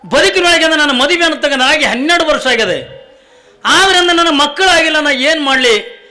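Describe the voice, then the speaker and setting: Grieving childless village wife, as a man preacher puts her on, tearful pleading, high bright voice. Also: animated, normal speed.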